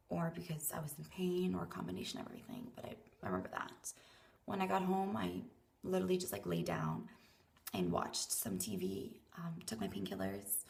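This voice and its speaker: A woman's voice: lowish voice, creaky, slight background noise. A young Canadian woman who sounds tired and weak after surgery, rambling hesitantly through a casual vlog and trailing off breathily into near-whispers. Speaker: vlogger.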